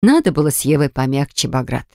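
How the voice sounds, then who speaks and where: A reader voicing a worried, gentle older wife and mother who speaks cautiously, in an audiobook. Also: medium pitch, lively intonation, fast, creaky, no echo, clean studio sound. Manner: cautious, soft-spoken. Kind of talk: audiobook character voice.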